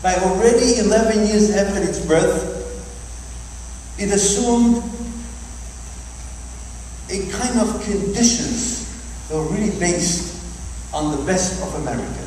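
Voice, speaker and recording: Older man in his eighties, fairly high voice, heard from the back of a big echoey hall, slow storyteller with a dry wit. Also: darkish tone, recorded from a distance, slight background noise. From Czechoslovakia. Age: 80s. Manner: measured, unhurried storytelling with dry humor. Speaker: speaker recounting his life. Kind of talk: public talk to an audience. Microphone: camcorder from the audience.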